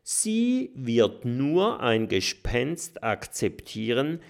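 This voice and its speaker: A man's voice: medium pitch, big pitch swings, very slow, vocal fry, heavily acted. A man voicing a grown male badger who explains things in an emphatic storytelling tone. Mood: explaining.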